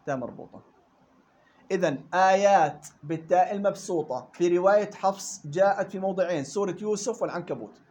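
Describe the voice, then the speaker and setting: A man with a Levantine Arabic accent teaching a Quran recitation class, explaining points in everyday speech and quizzing his students with quick questions. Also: high-pitched, darkish tone. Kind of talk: classroom lesson.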